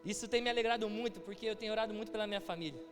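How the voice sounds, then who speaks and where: Young Brazilian man, high-pitched preacher, heartfelt testimony style; long reverb, soft music underneath. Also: rapid-fire. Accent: Brazilian Portuguese. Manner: heartfelt storytelling, acting out quoted dialogue. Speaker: guest preacher. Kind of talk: testimony sermon. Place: church hall with music behind.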